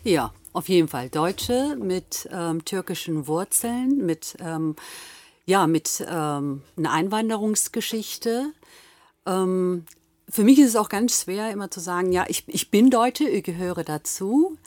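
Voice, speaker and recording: A woman's voice: fairly low pitch, animated, unhurried, a little mellow, no room sound. A woman from Turkey speaking hesitantly as a talk show guest, with frequent filler sounds. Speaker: guest, social association worker.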